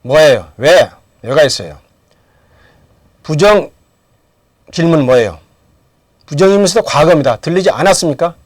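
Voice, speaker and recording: Middle-aged male language teacher, animated delivery, dry recording, drills the class with questions. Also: on the high side, normal speed, long pauses, no echo. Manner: asks questions and answers them himself. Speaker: English teacher. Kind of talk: lecture with drills.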